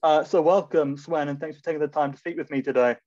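Flat-voiced male interview host, lo-fi. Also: a little high, fast. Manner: hesitant, rambling questions with fillers. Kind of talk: casual interview. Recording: dull lo-fi sound.

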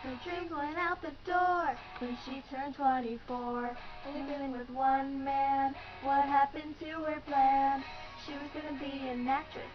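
A young woman with a high, steady voice sings along a little slowly to a pop-rock song at home, amateur, playful and giggly. The dull lo-fi home recording has the music playing loudly.

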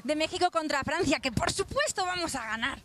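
Brief: high-pitched woman street reporter, chatty and teasing, outdoors. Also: expressive, brisk, fairly bright tone. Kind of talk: lively street reporting with narration. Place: outdoors in a busy city plaza.

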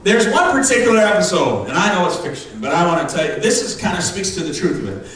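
A man preaching a lively, joking sermon as pastor, acting out how his congregation answers him. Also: high voice, quick pace, crowd noise. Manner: lively, jokey preaching that acts out congregation responses. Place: church sanctuary. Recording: very echoey room, distant mic, faint noise.

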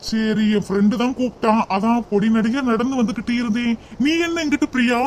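A man's voice: very high-pitched, fairly even intonation, a little fast, a little mellow, slight background noise. A man voicing a young, rich, devoted boyfriend in a cartoon, speaking in an earnest, reassuring way with a southern Tamil accent.

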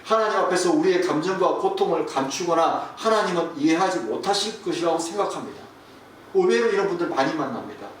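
A man, a pastor, preaching a sermon and telling a story, falling to a hush and then rising again. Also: a little high, animated, brisk. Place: church sanctuary. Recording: distant, echoey room with faint hiss.

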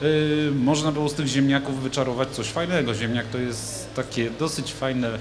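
In a large, glass-roofed TV studio, a man in his thirties appears as a guest and chats casually about a local event, with many fillers and restarts, into a handmade handheld mic. His mid-range voice is steady at a moderate pace, with background noise around him.

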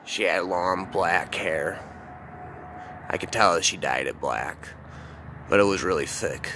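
A man tells a dark story about himself in a loose, rambling way, tossing in asides and often calling the listener "man." His voice is low and unhurried, with a noisy background.

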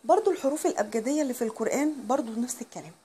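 A woman with an Egyptian accent teaching Quran recitation, explaining patiently and reciting words slowly and drawn out. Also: on the high side, animated, dark tone, a little hiss or hum. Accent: Egyptian Arabic.

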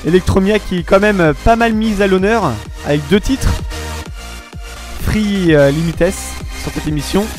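Over music, a young man with a high voice chats unhurriedly in French on his casual web radio show. His solo talk rambles with many hesitations and restarts, and he keeps saying he'll return to topics later.

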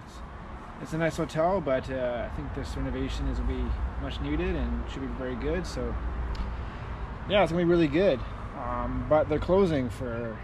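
Man vlogging from a backyard full of roosters. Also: medium pitch. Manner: relaxed and rambling, with many fillers. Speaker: vlogger, hotel worker. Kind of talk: casual vlog chat. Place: backyard patio outdoors, roosters crowing. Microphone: camera at arm's length. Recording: outdoor recording with loud rooster noise.

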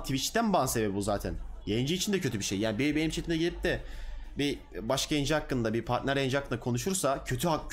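A young man, a streamer, chatting casually and bluntly with his live chat, full of slang. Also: medium pitch.

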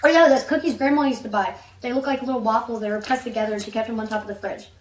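A bubbly young woman talks through a snack box in a casual vlog, her voice sitting a touch high. She stands a little back from the mic, and the room adds a clear echo. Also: racing. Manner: chatty, bubbly, says "really" over and over. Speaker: vlogger. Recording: echoey room, a bit far from the mic.

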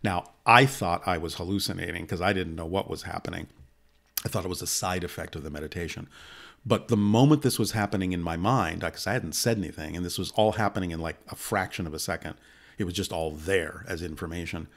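A man in his sixties telling a long personal story in a measured, steady way, as a guest in a studio conversation close to a boom mic. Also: vocal fry. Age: 60s. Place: indoor studio set. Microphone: boom-mounted studio mic close by.

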